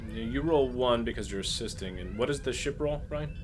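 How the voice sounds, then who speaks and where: A man with a medium-pitched voice speaks fairly quickly and eagerly as a player in a casual tabletop role-playing game, playing a starship captain and sometimes stumbling into his sentences. Faint room noise can be heard.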